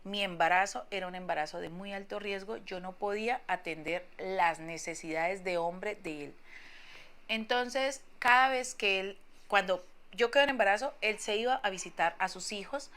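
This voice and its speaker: Una mujer con acento colombiano que cuenta en primera persona su propia historia, con tono arrepentido y enfático. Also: female voice, mid-range voice, moderate pace, sharp tone. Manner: regretful, emphatic, acts out quoted people. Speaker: woman telling her own story. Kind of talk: confessional first-person testimony.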